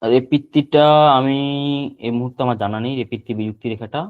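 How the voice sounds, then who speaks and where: Male teacher over a tinny line. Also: mid-range voice. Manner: repeats terms slowly for note-taking. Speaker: geography teacher. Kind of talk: online class lecture.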